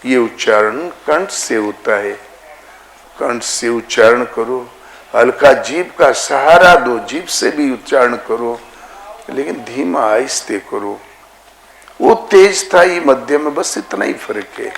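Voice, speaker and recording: Man, spiritual teacher, devotional discourse, very slow, drawn-out chanting, mid pitch, echoey room, faint background hiss. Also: gravelly, fairly bright tone.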